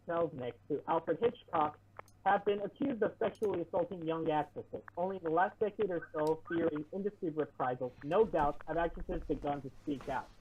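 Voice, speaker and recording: A man's voice arrives muffled, as if through a wall. It sounds thin and phone-like from a mic set well away, with faint hiss and popping. He reads haltingly and restarts often, with snide asides. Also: on the high side, distant mic. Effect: muffled, as if heard through a wall. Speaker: online show co-host reading an article. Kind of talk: reading aloud with sarcastic asides.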